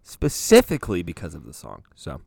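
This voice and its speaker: A man's voice: deep voice, wildly swooping pitch, fairly quick, vocal fry, darkish tone, no echo, studio quality. A man co-hosting a podcast, chatting casually about a film, hesitant and often restarting his sentences. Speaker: podcast co-host. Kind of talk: casual film review chat.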